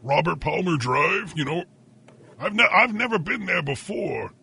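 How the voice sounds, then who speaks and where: A man co-hosting a comedic podcast, mock-indignant and deadpan, breaking into sudden loud bursts. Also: on the high side, normal speed, vocal fry, a little hiss or hum. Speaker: podcast co-host.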